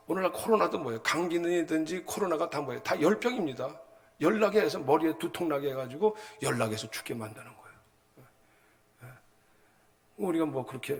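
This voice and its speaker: A male pastor preaching a sermon in a colloquial, animated way, often prompting the congregation with short asides and acting out everyday stories. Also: on the high side, creaky. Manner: acts out everyday anecdotes with sound words.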